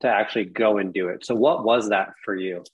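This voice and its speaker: A man hosting an interview, with a husky, slightly low voice. He asks his questions casually, circling with "kind of" and "um" before landing on the point. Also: a little fast, dull audio. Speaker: podcast host. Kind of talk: interviewing a guest.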